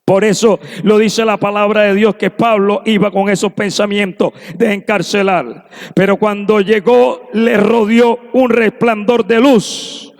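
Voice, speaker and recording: Male preacher, fervent sermon delivery, very high pitch, church reverb. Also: level tone, unhurried. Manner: impassioned preaching, acting out quoted voices. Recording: long echo of a church hall.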